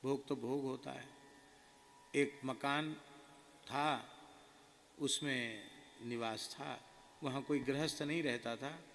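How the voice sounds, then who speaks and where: Gravelly-voiced man giving a devotional sermon. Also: mid-range voice, steady tone, a bit bright. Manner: slow, earnest, recounting in first person. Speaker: spiritual preacher. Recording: reverberant hall with faint noise.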